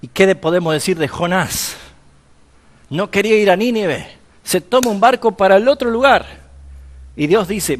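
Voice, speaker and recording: High-voiced Argentine pastor in a reverberant hall. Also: male voice. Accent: Argentine Spanish. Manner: storytelling, acting out dialogue, asks the audience questions. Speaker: pastor teaching a seminary class. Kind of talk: sermon-style Bible lesson.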